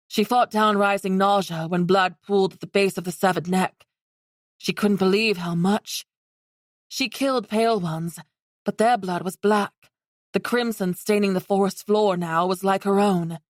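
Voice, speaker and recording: A woman narrates a fantasy audiobook in a steady, even storytelling voice at a middle pitch. The sound is close and dry, with no room around it. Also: moderate pace, no echo. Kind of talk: scripted narration.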